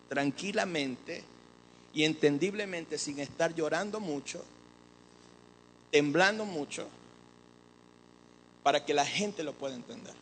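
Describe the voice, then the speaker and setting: A man preaching a sermon as an apostle, animated and joking with the congregation. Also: fairly high pitch, slight background noise, low-quality recording. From Venezuela. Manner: animated, joking with the congregation, mimics others' voices.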